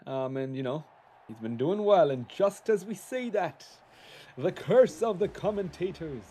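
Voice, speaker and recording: A young man with a mellow, warm tone and a slightly raised pitch joins in on cricket game commentary. He teases other teams and trips over his words, restarting them as he goes. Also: expressive, a little slow, husky. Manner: playful teasing, restarts words. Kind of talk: casual gaming cricket commentary.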